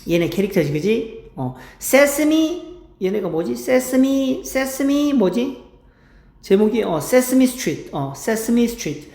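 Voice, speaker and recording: A woman host giving a casual spoken language lesson, repeating English phrases slowly over and over with many fillers. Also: on the high side, big pitch swings, dark tone. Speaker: English teacher and channel host. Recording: roomy echo.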